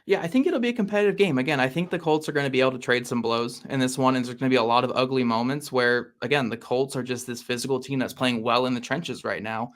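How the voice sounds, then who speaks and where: A man's voice: mid-range voice, quick pace, few pauses. A man appearing as a guest on a sports podcast, making emphatic points about football and repeating them for weight. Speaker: guest analyst. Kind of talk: casual sports podcast chat.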